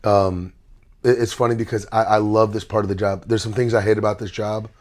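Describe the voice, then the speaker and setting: Male podcast host, lowish voice, chatty and playful, casual interview delivery. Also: level tone, brisk, darkish tone.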